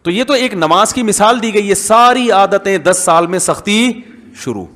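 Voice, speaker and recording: A man's voice: high voice, expressive, fairly bright tone. A man with a Pakistani Urdu accent giving a humorous, rhetorical reformist sermon as an Islamic scholar. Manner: humorous, rhetorical, mimics voices. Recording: long hall reverb.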